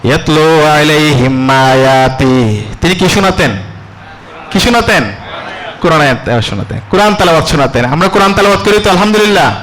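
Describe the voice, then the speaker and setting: A man preaching a sermon. He asks the congregation rhetorical questions and chants Arabic verses slowly. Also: high voice, lively intonation, fairly bright tone, rough recording. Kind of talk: Bengali religious sermon (waz).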